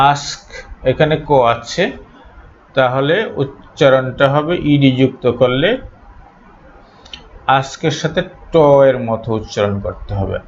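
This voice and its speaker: Slow, repetitive Bangladeshi English teacher. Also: male voice, mid-range voice. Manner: repeats each word slowly, drilling pronunciation. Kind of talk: slow spoken pronunciation lesson. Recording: dull lo-fi recording, faint noise.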